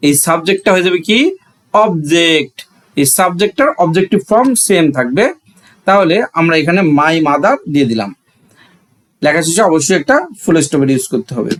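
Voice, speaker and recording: A man with a Bangladeshi accent gives a grammar lesson in a high, fairly bright voice. He poses questions and answers them himself, repeating phrases for emphasis.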